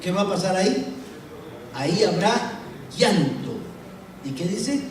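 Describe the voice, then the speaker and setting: Dramatic high-voiced preacher man in an echoey church. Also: very animated, slow pace, background noise. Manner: dramatic, rhetorical questions, swings between loud and soft. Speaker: pastor. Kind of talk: sermon. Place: church sanctuary. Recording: echoey church room from far off.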